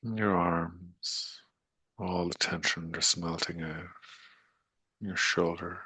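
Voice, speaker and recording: This meditation guide, a man, moves slowly and soothingly, pausing at length after each brief phrase and keeping his pitch very steady. His low voice is breathy and husky with a crisp upper edge, gently leading the listener on. It's a dry, low-quality recording.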